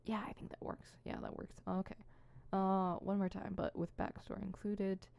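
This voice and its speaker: In this scripted solo audio drama done as ASMR roleplay, a woman voices a theatrical, insecure supervillain practicing monologues, her fumbling self-conscious muttering interrupted by pompous verse. She sounds flustered and self-critical. Her medium-pitched voice is flat, creaky and darkish at normal speed, close to everyday speech, on a dry recording.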